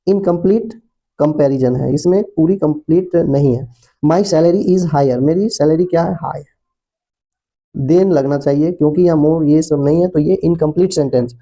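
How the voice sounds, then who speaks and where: A man walks students through grammar rules, reading each example sentence out slowly and checking in with tag questions. His voice sits a little high yet sounds very dark and mellow. The recording is dull and lo-fi. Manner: explanatory, addresses viewers as children, frequent tag questions; reads English examples slowly. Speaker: English grammar teacher. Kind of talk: exam-prep grammar lesson. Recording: muffled lo-fi recording.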